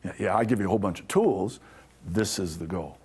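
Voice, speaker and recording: Brisk and low, slightly mellow with a breathy edge, a man delivers a conversational public talk in a hall on ancient Egyptian spirituality. He often adds "okay?" to check in with listeners.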